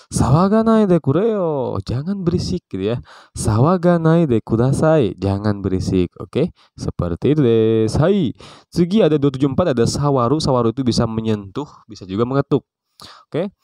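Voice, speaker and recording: A man teaching a casual vocabulary lesson, calling out each new word brightly and explaining it with relaxed, chatty example sentences. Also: lowish voice, no echo. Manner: relaxed, chatty, frequent fillers. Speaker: Japanese language teacher.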